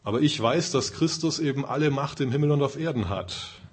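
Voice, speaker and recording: A preacher voicing the calm voice of the spirit. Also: male voice, mid-range voice, breathy edge, voice pushed up, natural voice. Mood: serene. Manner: calm and measured. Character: voice of the spirit, calm humble trusting inner voice.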